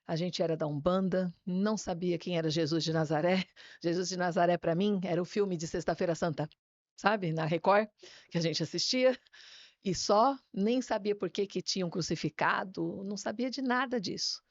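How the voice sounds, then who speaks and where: Woman pastor telling her faith story, lively, tosses in "né?" a lot, dry dull audio. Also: fairly low pitch, moderate pace, no echo. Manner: lively storyteller, often ends phrases with "né?". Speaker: pastor, guest. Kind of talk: personal faith testimony.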